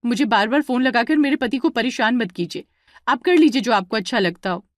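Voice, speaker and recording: A woman playing a bossy young married sister-in-law who gives brisk orders. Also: on the high side, expressive, dry recording, clean studio sound, lightly acted. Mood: curt. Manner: brisk, bossy, then curt.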